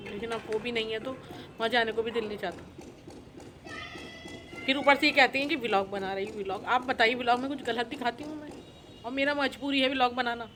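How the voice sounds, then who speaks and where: Middle-aged woman, home vlogger, plaintive confession to camera, slightly high voice. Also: fairly bright tone, slight background noise. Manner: sorrowful, plaintive, repeats her complaints. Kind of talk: emotional personal confession to camera.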